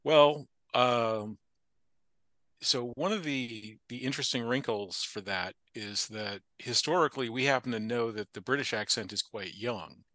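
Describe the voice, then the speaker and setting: A man's voice: medium pitch, unhurried, pushed and bright, no echo. A man from the Appalachian United States, a podcast guest talking casually, thoughtful and digressive with frequent restarts. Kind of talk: casual conversation.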